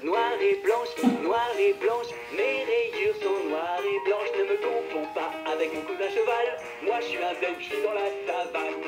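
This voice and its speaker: A woman's voice: very high voice, steady tone, a little slow, hardly any pauses. A woman voicing a cheerful singing toy zebra in a children's song. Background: loud toy music.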